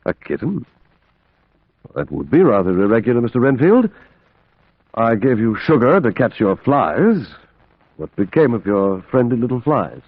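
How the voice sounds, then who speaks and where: Formal sceptical doctor, husky, lively intonation, overwrought radio-play delivery, phone-like vintage sound. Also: male voice, mid-range voice, normal speed, long pauses. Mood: patient, questioning. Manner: formal, incredulous, theatrical. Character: educated, sceptical, overwrought male asylum doctor. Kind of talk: old-time radio drama acting. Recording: tinny, echoing old radio recording.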